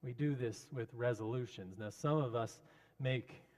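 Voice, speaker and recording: A man preaching a reflective homily in a measured, solemn pulpit manner with rhetorical repetition. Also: mid-range voice, darkish tone.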